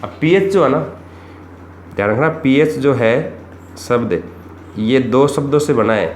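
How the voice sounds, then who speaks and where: A man's voice: medium pitch, lively intonation, a little slow, a little mellow. A man teaching chemistry for exams, asking rhetorical questions and repeating the key points. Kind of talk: exam-prep lesson. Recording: echoey room with faint background noise.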